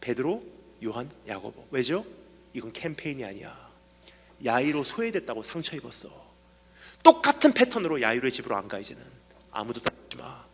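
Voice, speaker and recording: A middle-aged man preaching a revival sermon as a missionary, telling a personal story and swinging from hushed tones to sudden shouts. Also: mid-range voice, big pitch swings, fairly quick, husky, in a large hall. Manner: acts out quoted voices, swings from hushed to shouting. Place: church sanctuary.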